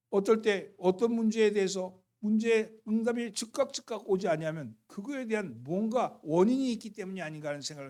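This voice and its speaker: A man with a fairly high voice delivering a church sermon. He preaches earnestly and keeps putting rhetorical questions to the congregation. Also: darkish tone. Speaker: pastor. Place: church sanctuary.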